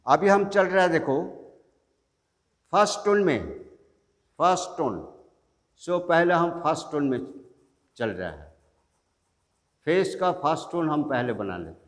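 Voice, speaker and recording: A man teaching an online drawing class, giving slow step-by-step instructions and mixing in English. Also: on the high side, very animated, long reverb tail. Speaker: art teacher.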